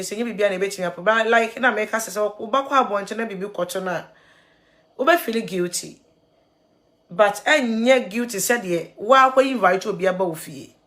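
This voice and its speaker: Ghanaian woman vlogger, tearful, earnest, halting, code-switching. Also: mid-range voice, fairly bright tone. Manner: earnest, mixes English and Twi, halting repeats. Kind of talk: emotional video commentary.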